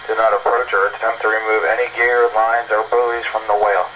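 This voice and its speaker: A man reading an official coast guard safety notice over a marine VHF radio transmission in a formal, steady way. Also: on the low side, a little fast. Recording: noisy radio broadcast.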